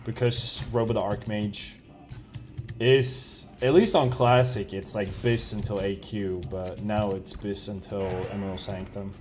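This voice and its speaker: A man's voice: lowish voice, fairly even intonation, measured pace, a little mellow, faint music behind. A young man, streaming a game and chatting casually, rambling and correcting himself, chuckling now and then. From Sweden. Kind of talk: casual live-stream chat while gaming.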